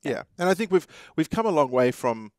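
Male co-host, rapid and affirming, dry headset sound. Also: a little high, sing-song, no room sound. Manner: quick, affirming, many restarts. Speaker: podcast co-host. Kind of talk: casual interview chat. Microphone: headset mic.

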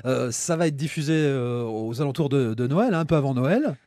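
A man hosting a morning radio interview on a studio mic, chatty and friendly, with quick laughs. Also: mid-range voice, expressive, mellow, dry recording. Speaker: radio host. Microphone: studio microphone.

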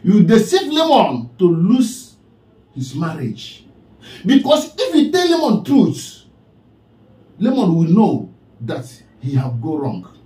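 A man with a Nigerian accent lectures and scolds in a strikingly high voice that swoops up and down. His tone is mellow rather than bright. It sounds like a roomy, echoey space. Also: wildly swooping pitch, slow, long pauses. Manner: preachy and scolding, repeats the name he addresses. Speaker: online commentator. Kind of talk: scolding commentary monologue.

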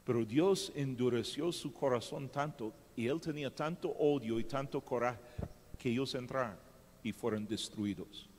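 A man preaching a sermon as pastor, emphatic, swinging from loud to hushed. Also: medium pitch, moderate pace, long reverb tail. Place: church hall.

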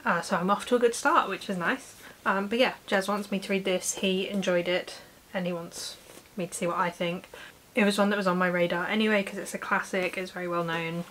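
Clear background hiss runs under this poor-quality recording of a book vlogger, a British woman in her late twenties talking informally to camera in a small home room lined with bookshelves. Her medium-pitched voice is brisk, a bit bright and steady in tone.

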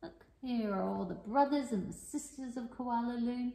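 A woman reading a picture book aloud to young children, playful and expressive, with sing-song rhymes and the odd whisper. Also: a little high, moderate pace, gravelly. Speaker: children's storyteller and teacher. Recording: echoey room.

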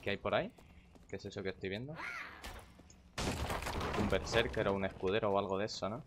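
Profane, chatty streamer with a low voice. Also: male voice, brisk, heavy background noise. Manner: chatty and profane, muttering to himself and greeting chat viewers. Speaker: gaming streamer. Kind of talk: casual live-stream commentary.

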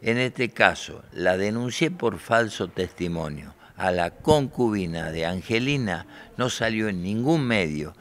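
A man's voice: lowish voice, expressive, unhurried, few pauses, a bit bright. A man in his forties from Argentina, a lawyer answering press questions in a combative, indignant way, with handheld reporter mics held close. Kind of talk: press interview. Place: bright room by large windows.

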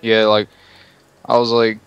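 A man's voice: lowish voice, completely flat delivery, unhurried, clear, resonant tone, dull audio, soft background music. A young man playing a game with a friend, chatting crudely and telling stories. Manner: crude, frustrated, storytelling. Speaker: co-player friend. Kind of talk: casual gaming chat.

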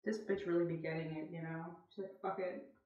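A woman's voice: sits low, fairly even intonation, fast, warm tone. A young woman giving a casual, blunt, exasperated book reaction vlog in a tiled bathroom, picked up from a little distance. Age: young adult. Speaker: book vlogger. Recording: roomy, distant, dull sound.

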